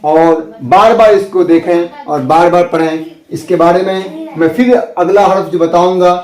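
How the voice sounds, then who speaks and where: A man teaching a basic script lesson, explaining patiently and repeating each point with drawn-out letter sounds. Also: high-pitched, steady tone, echoey room, rough recording. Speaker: Urdu teacher.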